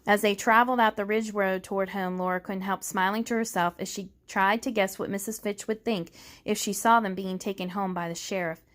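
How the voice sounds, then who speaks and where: A woman's voice: mid-range voice, steady tone, a little fast. Woman reading a novel aloud. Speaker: reader.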